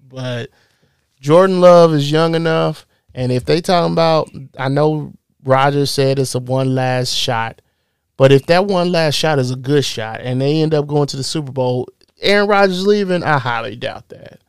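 A man's voice: on the high side, moderate pace, creaky, clear, resonant tone, dry recording, clean studio sound. A man co-hosting a sports podcast, chatting casually and rambling, often stumbling over his words. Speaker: podcast co-host.

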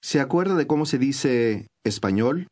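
Man giving clear lesson instructions. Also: medium pitch, lively intonation, normal speed, a little mellow. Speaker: language course instructor. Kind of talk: scripted instructional narration.

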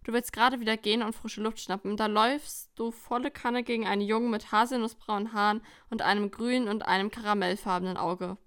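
A woman's voice: medium pitch, fairly even intonation, brisk, few pauses, a bit bright, clean tone. A young woman co-hosting a casual podcast chat, reading quiz questions aloud with a wry, teasing manner. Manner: wry, teasing, breaks into laughter. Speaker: podcast co-host.

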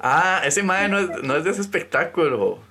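A man with a Costa Rican accent, telling stories quickly and jokingly in a casual chat. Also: on the high side, expressive, bright, forceful tone, breathy edge.

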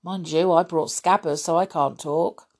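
A woman's voice: on the low side, steady tone, a little slow. A woman voicing a blunt, chatty young wizard boy.

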